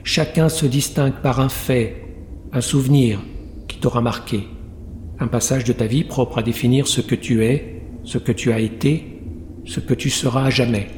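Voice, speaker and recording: A man voicing a mysterious shadow spirit who speaks slowly, solemnly and in riddles. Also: medium pitch, fairly even intonation, darkish tone, natural voice. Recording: roomy long reverb, faint noise.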